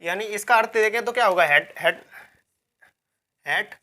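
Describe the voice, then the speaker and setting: A woman's voice: medium pitch, fairly quick, sharp tone. A woman teaching a vocabulary lecture, repeating key words, asking herself questions and spelling words out letter by letter.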